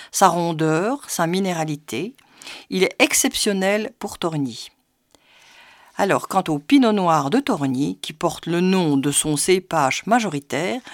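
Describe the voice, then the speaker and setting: Chatty woman radio host, lively delivery. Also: fairly low pitch, dry recording, studio quality. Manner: chatty, laughs at herself, stumbles over foreign wine terms. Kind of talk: casual radio chat reading a wine feature.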